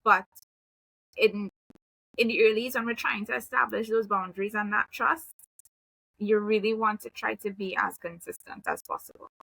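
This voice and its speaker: A woman, a behavioral analyst and mother, calmly explaining with examples from her own home. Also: mid-range voice, gravelly, breathy edge, dry recording, poor audio. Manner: calm, measured, explains with examples. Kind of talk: explanatory conversation.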